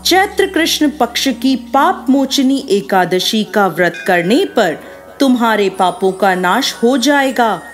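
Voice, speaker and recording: A woman voicing an old male sage who reproaches and advises his son, a little lower than her narration. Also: animated, slow, faint music behind. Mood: reproachful.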